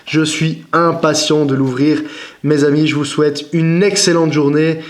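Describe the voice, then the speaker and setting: A man's voice: on the high side, steady tone, unhurried. A young man chatting casually as he opens and rates cards, hesitant, with frequent fillers and apologies. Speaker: card-opening vlogger. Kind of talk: casual unboxing commentary.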